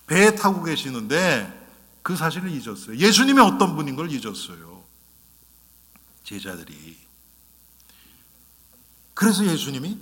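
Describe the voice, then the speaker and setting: A male pastor delivers a lively sermon, tossing rhetorical questions at his congregation and acting out little quotes. His voice is bright and forceful and sits a bit high. The sound has a long hall reverb, like a church sanctuary.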